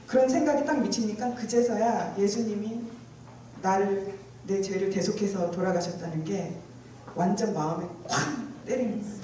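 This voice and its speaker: A woman gives an emotional personal testimony at a church retreat, acting out her own past words as she tells the story. Her voice is mellow and warm. It echoes heavily around a large church hall and sounds as if she stands well back from the microphone. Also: medium pitch, recorded from a distance, a little hiss or hum. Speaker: speaker giving a testimony.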